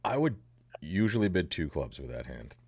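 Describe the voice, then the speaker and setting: Very deep-voiced man commentating bridge. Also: sing-song, moderate pace, a little mellow, slightly rough, no echo. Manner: teasing, laughs easily.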